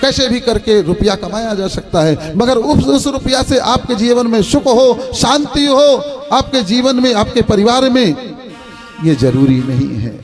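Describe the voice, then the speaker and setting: High-voiced man preaching a story sermon. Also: expressive, unhurried, music in the background. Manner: sing-song preaching with rhetorical questions. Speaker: spiritual teacher.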